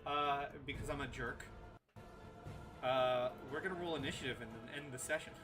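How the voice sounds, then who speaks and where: A man's voice: mid-range voice, moderate pace, sharp tone, husky, faint music behind. A man narrating as game master of a tabletop game, playful and teasing with his players.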